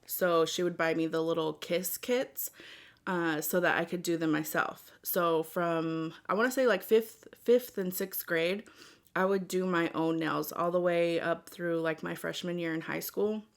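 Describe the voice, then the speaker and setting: Female food vlogger, lowish pitch, informal and rambling, talking straight to viewers at an easy, unhurried gait. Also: steady tone. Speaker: mukbang vlogger. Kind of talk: casual chat to viewers.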